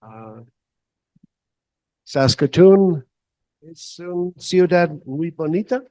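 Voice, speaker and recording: A man with a fairly high voice gives a lecture at a slow, halting pace. He is a native English speaker with a North American accent, audible in his Spanish too, and the sound is dry and close. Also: animated, darkish tone, dry recording, low-quality recording. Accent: North American English accent, also when speaking Spanish. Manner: halting, with short phrases. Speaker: guest lecturer. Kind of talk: hesitant conference talk mixing English and simple Spanish.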